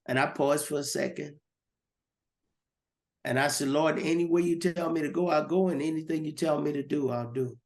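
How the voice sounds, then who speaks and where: A man's voice: a little high, steady tone, normal speed, a little mellow. Earnest man telling his testimony. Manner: earnest, repeats words when stirred. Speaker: guest. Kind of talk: personal testimony.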